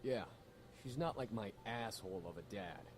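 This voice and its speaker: A man's voice: fairly low pitch, moderate pace, a little hiss or hum, lightly acted, poor audio. An actor voicing a young male demon noble in a game, blunt and swearing casually, full of guilt and rebellion. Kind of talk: game voice acting.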